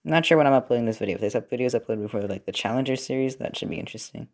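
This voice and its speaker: A man's voice: medium pitch, racing, darkish tone. A young man chatting casually while he works on a build, rambling with lots of fillers and restarts. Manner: rambling, filler-heavy, self-correcting. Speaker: robot-building video creator. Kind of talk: casual commentary while working. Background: TV football game.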